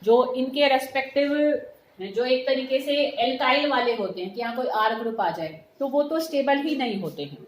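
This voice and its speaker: A woman's voice: high voice, normal speed. A middle-aged woman teaching a chemistry class, explaining patiently and mixing in English terms. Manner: explains patiently, mixes English terms, calls students beta. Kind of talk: classroom lecture. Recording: echoey room with faint noise.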